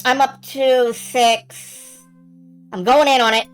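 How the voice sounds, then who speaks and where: A woman's voice: high-pitched, steady tone, takes it slowly, clear, resonant tone, rough recording. A woman giving casual, sweary game commentary as a let's play host, narrating her own moves as she goes. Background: game music.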